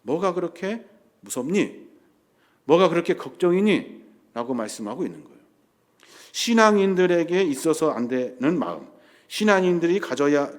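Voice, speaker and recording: Man, pastor, sermon, lively pitch, rises and drops in volume, church hall. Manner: expressive preaching, swings between loud and hushed, acts out quoted voices.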